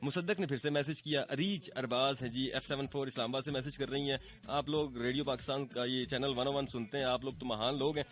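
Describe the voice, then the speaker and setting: A man's voice: mid-range voice, steady tone, fast talker, few pauses, fairly bright tone. A man with a Pakistani accent hosting late-night radio, playfully reading listener messages, his throat slightly sore. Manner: chatty, playful, teasing. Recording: radio broadcast with faint music bed.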